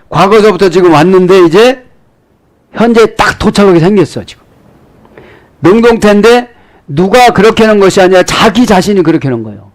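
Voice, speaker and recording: A man's voice: fairly high pitch, a little mellow. A middle-aged male pastor preaching a sermon, often prompting the congregation with a questioning "eh?" between points. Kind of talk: sermon with Greek word study.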